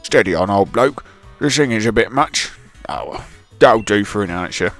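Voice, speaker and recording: Man plays a blunt, chummy London-ish bloke with clipped endings and a lively, swinging delivery. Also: fairly low pitch, normal speed. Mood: jaunty. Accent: put-on London-ish clipped accent. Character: cheerful rough-spoken older man, brash and jokey. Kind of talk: reading game dialogue aloud. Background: faint game music.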